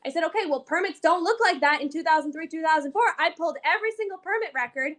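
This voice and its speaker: A woman with a high, light voice, telling a story in quick bursts and voicing each person in it. She is speaking on a video call with colleagues, in a relaxed group chat. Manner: animated storyteller, acts out others' lines. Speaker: real estate investor.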